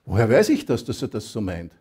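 A man's voice: fairly low pitch, wildly swooping pitch, a little fast, dark tone, husky. A man giving an emphatic sermon that explains scripture. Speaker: preacher. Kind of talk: Bible exposition sermon.

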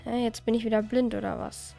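A woman's voice: a little high, steady tone, fairly quick, vocal fry, mellow, faint music behind. A woman hosting a let's play, giving casual, chatty commentary as she plays, often exasperated and swearing lightly.

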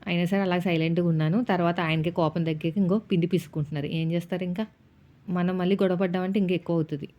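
A woman's voice: lowish voice, fairly even intonation, quick pace. A woman, a housewife vlogger, chatting casually as she narrates her day and retells family arguments. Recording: dull lo-fi sound.

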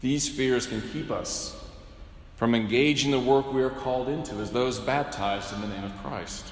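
A middle-aged man preaching a sermon from a cathedral pulpit, measured and wryly humorous, often asking rhetorical questions. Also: medium pitch. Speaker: bishop preaching. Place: large cathedral, indoors. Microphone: pulpit microphone. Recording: echoey cathedral with long reverb.

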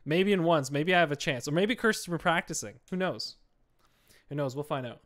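A man's voice: on the high side, lively intonation, a little fast, fairly bright tone. A young man streaming a game, talking casually in a rambling, conversational way. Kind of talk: casual livestream chat. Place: small indoor room at home.

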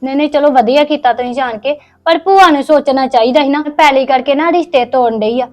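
A woman's voice: high voice, fast talker, a little mellow, soft background music. A woman with a Punjabi accent playing a family member in a family drama, chatty and outspoken.

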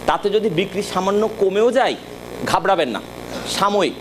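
A man's voice: high-pitched, animated, moderate pace, noisy background. A man giving a live sales training talk, emphatic and direct, often checking that his audience follows.

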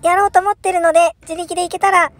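Female horror game streamer, extremely high-pitched, excitable, thinks aloud, given to alarmed outcries. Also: fast talker, soft background music. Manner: excitable, crying out in alarm with repeated panicked exclamations; thinks aloud, puzzling through moves. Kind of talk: first-play horror puzzle game commentary.

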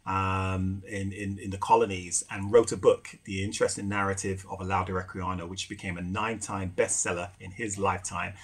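A middle-aged man telling stories in a relaxed podcast chat, with many fillers and restarts. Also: deep voice, fairly quick, few pauses, slightly rough. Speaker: guest, rum ambassador and former bartender. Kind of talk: casual podcast conversation.

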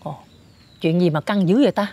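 A woman's voice: fairly low pitch, brisk, close to an everyday voice. An actress playing a nosy, talkative middle-aged woman who rambles and teases. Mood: curious. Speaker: neighbor or relative of the family. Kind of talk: TV family drama acting.

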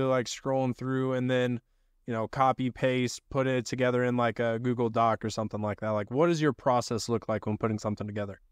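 A man's voice: mid-range voice, clean tone, dry recording. A young man hosting a casual video-call podcast interview, asking loose, filler-heavy questions from his home studio. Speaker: podcast host. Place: home studio room with desk. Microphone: studio mic on boom arm.

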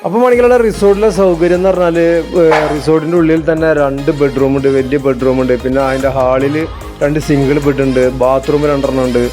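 A man's voice: on the high side, steady tone, fast talker. A man with a northern Kerala Malabar accent narrates a casual travel vlog enthusiastically, mixing English words into his Malayalam. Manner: enthusiastic, repeats a catchphrase. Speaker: travel vlogger. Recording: music under the voice.

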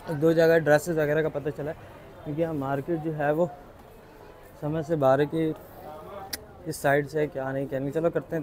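A man's voice: mid-range voice, darkish tone. A man, chatting enthusiastically as he tours an outdoor city bazaar with a handheld phone camera and asks shopkeepers for prices. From Pakistan. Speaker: vlogger touring a market. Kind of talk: casual walking market tour vlog.

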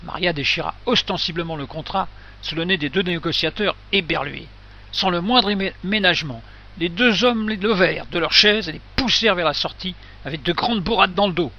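Guy reading a short story aloud, high bright voice, dry kinda muffled recording. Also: fairly quick. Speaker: narrator. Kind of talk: audiobook narration of a short story.

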